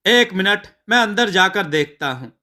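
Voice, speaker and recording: Narrator as a patient young husband, gently correcting, high and bright. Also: male voice, expressive, moderate pace, full character voice.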